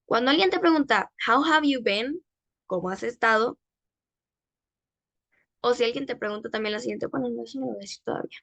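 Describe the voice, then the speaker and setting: Woman teacher, slightly high voice, dry close sound, slow drilled English phrases for repetition. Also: gravelly, fairly bright tone, dry recording. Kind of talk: English lesson for Spanish speakers.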